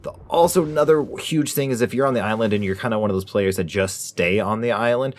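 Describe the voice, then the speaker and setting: A man's voice: on the low side, quick pace, a little hiss or hum. A man hosting a gaming channel, giving a casual, informal top ten countdown style commentary on ranked entries. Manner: informal, folksy phrasing.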